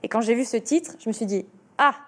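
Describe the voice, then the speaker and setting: A woman, an author and illustrator, talking in an interview, animated and hesitant, often restarting her sentences. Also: fairly high pitch, fast talker. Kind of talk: interview talk.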